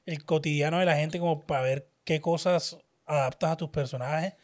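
A man's voice: a little high, steady tone, moderate pace. A man with a Colombian Caribbean coast accent hosting a casual interview and asking long, conversational questions. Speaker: podcast host.

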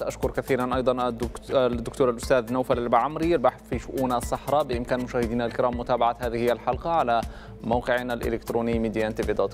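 A man moderates a TV news debate in formal tones. He moves briskly. His voice carries a long studio reverb with faint music behind. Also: medium pitch. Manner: measured, formal questions and thanks.

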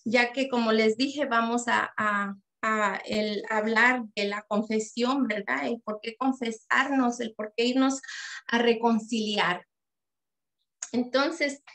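A woman's voice: fairly high pitch, a bit bright. A woman volunteer leading a parish parents' meeting, speaking unhurriedly with many hesitation fillers, then praying and reading a psalm aloud. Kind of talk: catechesis talk with prayer and scripture reading.

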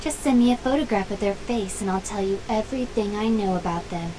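A woman's voice: mid-range voice, brisk, dark tone, natural voice. A woman voicing a cool, scheming teenage schoolgirl informant in a video game, detached, curt and businesslike. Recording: noisy game playback.

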